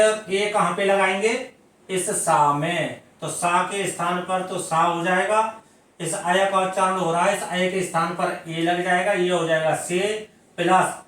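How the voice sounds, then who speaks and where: High-voiced teacher in a very echoey room. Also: male voice, fairly bright tone, distant mic. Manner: explains step by step, asking questions and answering them; drawn-out syllable-by-syllable pronunciation of example words. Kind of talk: Hindi grammar lesson. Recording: very echoey room, voice from away from the mic.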